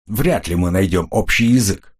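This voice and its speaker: A man's voice: low voice, lively intonation, moderate pace, breathy edge. A man voicing a cool, mocking tough-guy hero in a hard-boiled audiobook. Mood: cold. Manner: ironic, sardonic.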